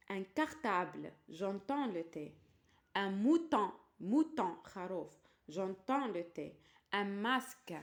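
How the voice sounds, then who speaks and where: An Algerian-accented woman leads a primary-school French lesson at a deliberately slow pace. Her pitch sits in an ordinary middle range. She names each word and letter with care, pausing between them so that children can follow. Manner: slow, clearly spelled-out words, switching to Algerian Arabic to translate. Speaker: teacher.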